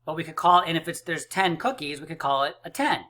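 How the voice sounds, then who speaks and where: A man's voice: on the high side, animated, fairly quick, bright, forceful tone. A man teaching a math lesson to young children, upbeat and chatty with lots of fillers. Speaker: math coach.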